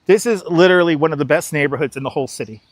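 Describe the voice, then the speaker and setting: Speaking rapid-fire in a voice on the high side, a young livestream host from New York City walks city streets and talks straight to his viewers. He's chatty and full of strong opinions. Captured on a wireless clip-on mic, the audio is studio quality with no room sound.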